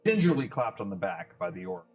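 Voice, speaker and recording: A man's voice: lowish voice, wildly swooping pitch, brisk, a little mellow, echoey room. A man narrating a tabletop game as game master, rambling with many fillers.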